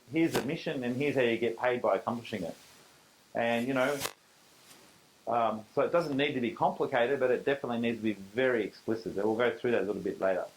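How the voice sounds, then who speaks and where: A man's voice: mid-range voice, a little hiss or hum, poor audio. A middle-aged man with an Australian accent, presenting a live business seminar in a conversational, emphatic way. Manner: conversational, emphatic, acts out quoted dialogue.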